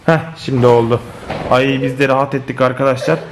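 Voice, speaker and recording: A man's voice: medium pitch, steady tone, a little fast, a little hiss or hum. A man speaking to viewers in a casual family vlog at home, playfully coaxing a child. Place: at home indoors.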